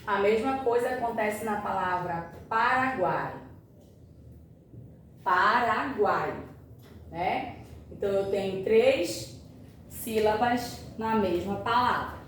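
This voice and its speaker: A woman's voice: mid-range voice, slow pace. A woman teaching a grammar lesson, explaining patiently and often checking that her students follow. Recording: echoey room, far from mic, faint noise.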